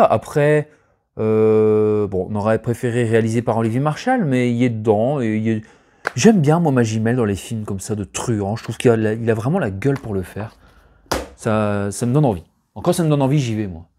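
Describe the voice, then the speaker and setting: A man's voice: mid-range voice, a little mellow, a little hiss or hum. A man chatting casually and rambling about his latest film finds, full of fillers and asides. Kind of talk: casual chat unboxing.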